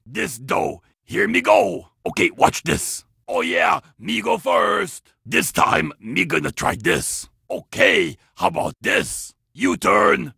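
A man voicing a greedy, childlike cookie-loving monster in a children's game, with a gravelly voice and broken grammar. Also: high voice, bright, forceful tone, no echo, studio quality, exaggerated voice. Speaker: in-game character.

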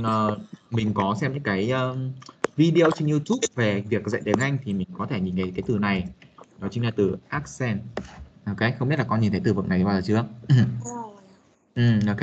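A man's voice: fairly low pitch, highs cut off, a little hiss or hum. A man teaching a casual spoken English lesson, hesitant with many fillers, talking to a young student. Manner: hesitant, many fillers, addresses listener as a child.

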